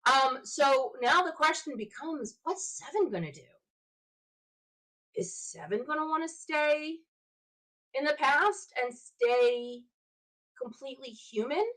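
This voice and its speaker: A woman's voice: sits high, animated, slow pace, pauses often, a bit bright, poor audio. A woman hosting her own show, talking casually on her own and thinking aloud as she speculates in a chatty way. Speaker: show host. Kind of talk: casual solo fan commentary.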